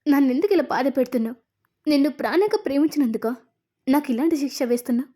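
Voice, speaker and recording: A woman's voice: high-pitched, expressive, fast, warm tone. A woman voicing a captive young mother pleading tearfully, in a retold serial. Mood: desperate.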